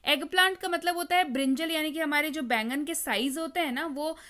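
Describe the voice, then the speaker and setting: A woman's voice: high voice, a little fast, bright, forceful tone. A woman teaching vocabulary in a video lesson, explaining patiently, repeating words and quizzing the viewer. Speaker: English teacher.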